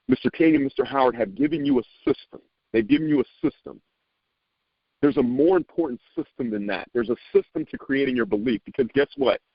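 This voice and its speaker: A man giving a motivational talk to a sales team, animated and preacherly, repeating phrases and stumbling over words when he gets excited. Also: mid-range voice, no echo, dull audio.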